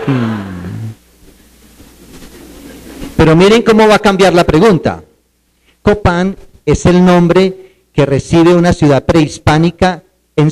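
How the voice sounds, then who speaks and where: A man's voice: a little high, a little mellow, low-quality recording. Man lecturing a seminar. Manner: quizzes the audience, spells words out slowly.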